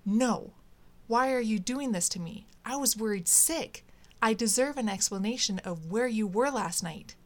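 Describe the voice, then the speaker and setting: A woman's voice: a little high, measured pace, close to an everyday voice. A woman voicing an agitated, stern man who keeps demanding answers in a read-aloud story. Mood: upset, demanding. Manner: demanding, upset questioning.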